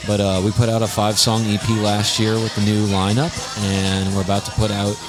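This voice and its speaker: Man from New Orleans, low voice, relaxed band member, loud music behind. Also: a little fast. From New Orleans, USA. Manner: relaxed, cussing, laughs easily. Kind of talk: casual chat. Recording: live music and bar noise.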